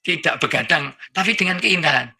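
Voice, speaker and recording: A man's voice: a little high, animated, brisk, gravelly, bright, forceful tone, breathy edge. A middle-aged man preaching with humor as a talk-show guest, full of jokes and little acted-out exchanges. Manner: joking, acts out little dialogues and sounds.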